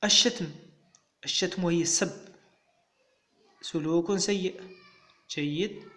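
A man's voice: high voice, slow, sharp tone. A man with a Moroccan Arabic accent, a teacher patiently walking young pupils through exam answers step by step.

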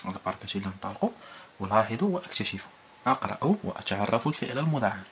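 A man with a Moroccan accent teaching a primary school Arabic lesson, explaining and repeating each word form slowly. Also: on the low side, very animated, a bit bright, a little hiss or hum.

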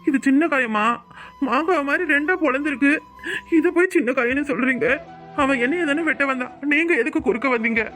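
A woman's voice: high voice, fairly quick, fairly bright tone, faint music behind. A woman with a Kanyakumari Tamil accent voicing a caring, worried young man in a cartoon, pleading and reproachful.

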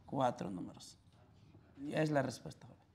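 Gravelly Peruvian math teacher quizzing students. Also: male voice, medium pitch, normal speed, darkish tone. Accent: Peruvian Spanish. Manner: quizzes students constantly, calling them "joven". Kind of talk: classroom math lecture. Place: classroom.

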